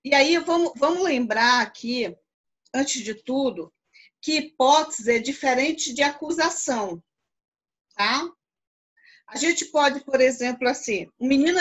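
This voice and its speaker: Brazilian teacher lady, high voice, patient explainer on a video call class. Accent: Brazilian Portuguese. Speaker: philosophy teacher. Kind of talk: live online class.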